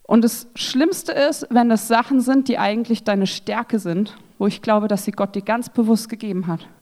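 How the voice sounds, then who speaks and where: Young woman preaching to a hall full of women, lively, pokes fun at herself, slightly high voice. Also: normal speed. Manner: lively, self-mocking, acts out quoted voices. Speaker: speaker at a church women's evening. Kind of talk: sermon talk.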